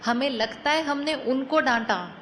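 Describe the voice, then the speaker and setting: A woman giving a calm, persuasive spiritual talk to a live audience, often asking questions and mixing in English phrases. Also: high voice, measured pace, slight background noise. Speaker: spiritual speaker.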